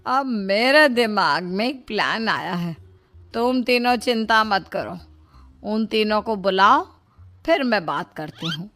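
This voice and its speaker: A woman's voice: medium pitch, animated, slow, fairly bright tone. A woman voicing a shrewd, affectionate middle-aged mother-in-law who admonishes and coaxes in a moral-story cartoon. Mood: shrewd, firm. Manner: admonishing, coaxing.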